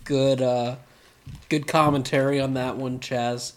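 A man co-hosting a podcast, chatting casually through an episode recap with animated, joking asides. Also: medium pitch, unhurried. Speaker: podcast co-host.

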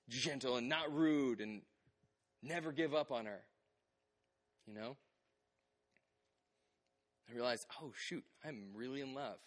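A man in his thirties preaching a sermon, telling stories with animated delivery and acting out bits of dialogue. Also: medium pitch. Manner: animated storytelling, acts out quoted dialogue. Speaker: pastor. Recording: long hall reverb.

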